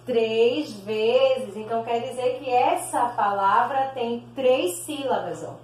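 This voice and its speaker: A Brazilian woman teaching a primary school class on video, sounding out words slowly syllable by syllable and calling the pupils "my loves". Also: fairly high pitch, darkish tone, roomy sound, slight background noise, low-quality recording. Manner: slow, sounds out words syllable by syllable, calls pupils "meus amores".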